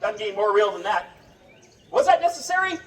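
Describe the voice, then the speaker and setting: At a festival, a sword swallower entertains the crowd with comic live patter and wry, joking showman banter aimed at onlookers. His medium-pitched voice is sing-song and fast, picked up by a distant mic in a roomy space full of crowd noise.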